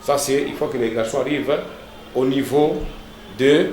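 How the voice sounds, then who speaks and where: Pastor teaching in an echoey room. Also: male voice, medium pitch, normal speed, a little mellow, a little hiss or hum. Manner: didactic, repeats words and tags lines with "hein" and "n'est-ce pas".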